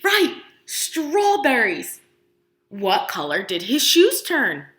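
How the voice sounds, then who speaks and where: A very animated pre-K teacher with a high voice reads a picture book to young children in a roomy-sounding space. She is expressive and encouraging, exaggerating her speech for the kids, asking questions and pausing for their answers.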